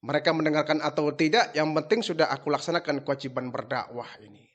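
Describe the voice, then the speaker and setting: High-voiced male preacher telling a story. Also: quick pace, lo-fi sound. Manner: lively, casual storytelling with colloquial asides. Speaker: Islamic preacher. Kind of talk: storytelling sermon.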